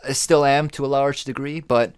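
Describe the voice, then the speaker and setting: A man in loose, profane conversation, his thoughts spilling out in restarts and asides. He is recorded close and dry, with no room sound around him. His pitch sits in a middling range. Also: moderate pace, clean tone, no echo. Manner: rambling, profane, animated. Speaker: podcast co-host. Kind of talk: casual chat.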